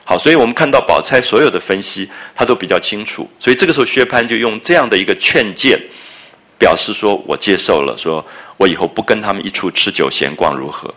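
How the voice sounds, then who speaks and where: A man explains a classic novel in a relaxed lecture. His tone is bright and ringing, and his pitch swings widely as he talks. He circles back over his own phrases and keeps asking his listeners rhetorical questions. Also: fast talker. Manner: conversational, repeats phrases, asks the audience rhetorical questions.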